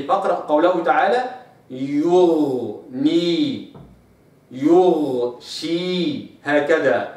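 Echoey Egyptian man teaching Quran recitation. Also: a little high. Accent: Egyptian Arabic. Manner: patient, explanatory, stretches out recited words slowly. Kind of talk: tajweed lesson with recited examples. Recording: very echoey room, speaker far from mic.

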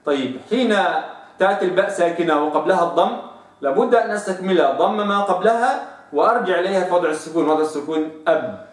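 A man teaching Quranic recitation rules, stretching out example words slowly to demonstrate sounds. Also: high-pitched, roomy sound, recorded from a distance. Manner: drawn-out slow recitation of examples. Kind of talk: tajweed lesson with slow demonstrations.

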